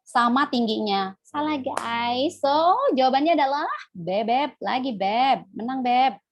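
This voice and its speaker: A woman's voice: a little high, a little slow. A young woman teaching English in a casual live online class, chatty and self-correcting as she talks to her viewers.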